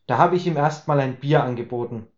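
A man voicing an easygoing, matter-of-fact neighbor who chats in a relaxed way, in a spoken story. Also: mid-range voice, a little fast, natural voice. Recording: roomy, slightly dull recording.

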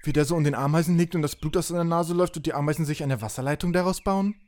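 A man voicing a decisive adventurer commander who gives orders in a brisk, commanding way. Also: fairly high pitch, a little mellow, pitched above the performer's own voice, close to an everyday voice.

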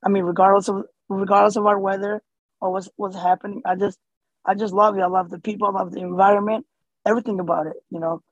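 A man's voice: high-pitched, little pitch movement, fast, no echo, highs cut off. A man born in Somalia and raised in the US, speaking as an interview guest in a casual, hesitant way with many fillers and restarts. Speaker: interview guest, community organizer.

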